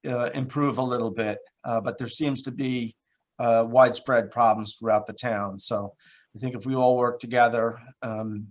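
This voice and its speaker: Male town supervisor chairing a video-call meeting, plain delivery, lots of pauses and fillers. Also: medium pitch. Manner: plain, halting, many fillers. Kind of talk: running a town board meeting.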